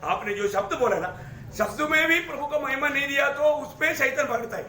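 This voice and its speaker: A man preaching a sermon to a congregation, animated, calling out and rising to shouts. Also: extremely high pitch, a little fast, a little hiss or hum. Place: church hall with congregation. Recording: echoey hall.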